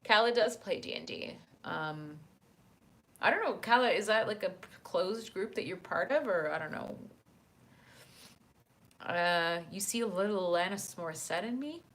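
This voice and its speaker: A woman casually chatting on a live stream, reading out chat messages, laughing often and filling pauses with "um" and "uh", speaking into a desk microphone. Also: medium pitch, animated, fairly bright tone. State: hiccuping.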